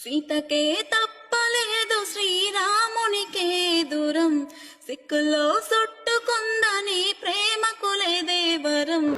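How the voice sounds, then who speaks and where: Slow mournful woman in a long-reverb hall. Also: extremely high pitch, sharp tone, soft background music. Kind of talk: slow mournful folk lament.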